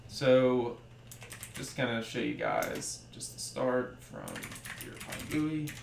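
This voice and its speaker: A young man, a library developer, giving a casual screen-recorded tutorial, relaxed and full of ums and trailing pauses. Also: mid-range voice, vocal fry. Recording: roomy echo with faint hum.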